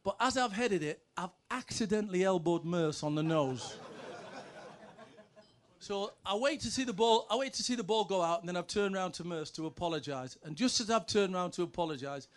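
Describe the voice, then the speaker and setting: A man's voice: high voice, lively intonation, moderate pace. A middle-aged man, a former footballer, telling brash comic anecdotes with sweary punchlines. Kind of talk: comic anecdotes, stand-up storytelling.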